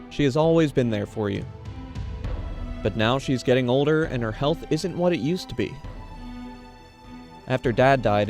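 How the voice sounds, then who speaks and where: Guy doing dramatic documentary voice-over, medium pitch, music underneath. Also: a little mellow. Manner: measured, dramatic voice-over delivery. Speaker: narrator. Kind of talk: scripted documentary narration.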